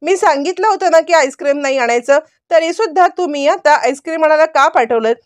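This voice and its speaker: A woman's voice: sits high, fairly quick, no room sound, voice pushed up, lightly acted. Woman playing a scolding young wife. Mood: annoyed.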